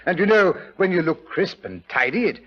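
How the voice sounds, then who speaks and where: Fussy older British doctor, theatrical storyteller, high voice, lively intonation, 1940s radio, muffled archival sound. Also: male voice, moderate pace. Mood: genial. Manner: avuncular, theatrical, hesitating storyteller. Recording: dull vintage 1940s radio recording.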